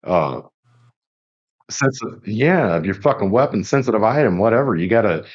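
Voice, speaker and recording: Low-voiced man telling profane army stories. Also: expressive, moderate pace, slightly rough. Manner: swears constantly, rambling anecdotes. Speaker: podcast host. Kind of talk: casual profane storytelling. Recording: dull lo-fi audio.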